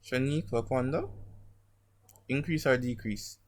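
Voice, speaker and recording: A man gives an informal online lecture as a teacher. His speech is a little muffled, as if his mouth is sore, and he keeps a mid-pitched voice. He regularly stops to check understanding with short tag questions. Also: unhurried. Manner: didactic, frequent check-in tags like "right?" and "okay?". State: sore mouth from an emerging wisdom tooth. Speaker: chemistry teacher. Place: online class over screen share.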